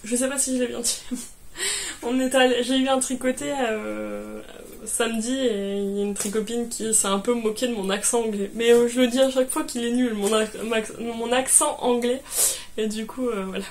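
Young woman chatting about knitting, slightly high voice, lots of ums and restarts, laughs a lot. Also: steady tone, normal speed, a little hiss or hum. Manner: hesitant, many fillers and restarts; cheerful, laughs often. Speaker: knitting vlogger. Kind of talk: casual show-and-tell chat.

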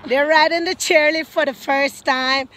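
A woman with a Jamaican accent talks slowly and excitedly into a phone held at arm's length, a little high in pitch. She is outdoors on a mountain chairlift, and faint wind and outdoor noise sit behind her voice. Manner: excited, laughing often, talking to camera. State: out of breath. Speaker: vlogger. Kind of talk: casual travel vlog.

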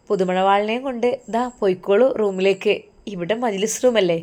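A woman's voice: medium pitch, darkish tone, close to an everyday voice. Motherly older lady, coaxing and bossy, malabar malayalam accent, narrator puts her on.

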